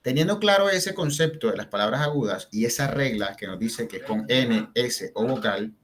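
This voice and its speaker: A man's voice: medium pitch, fairly bright tone. A man giving a spelling lesson who explains step by step, stresses example words and keeps checking in with short questions. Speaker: teacher.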